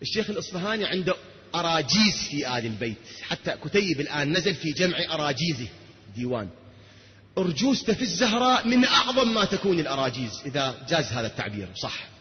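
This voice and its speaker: A man with an Iraqi accent preaching a mourning sermon and slowly chanting elegy verses in a drawn-out way. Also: fairly high pitch, very animated. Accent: Iraqi Arabic. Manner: slow, drawn-out chanted recitation of lament poetry. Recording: echoey hall, dull lo-fi sound, faint noise.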